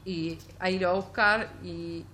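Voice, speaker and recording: A woman's voice: lowish voice, fairly even intonation, measured pace, bright, forceful tone. A young woman with a Rioplatense Spanish accent chatting casually as she recounts a novel's scenes, quoting the characters' lines in a loose, filler-heavy way. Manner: quotes characters' dialogue in a loose storytelling way with many fillers. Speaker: book discussion co-host. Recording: faint background noise.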